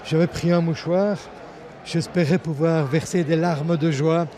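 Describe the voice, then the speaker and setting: Man, mellow tone, slightly high, earnest, outdoors. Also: fairly even intonation, unhurried. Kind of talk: street interview.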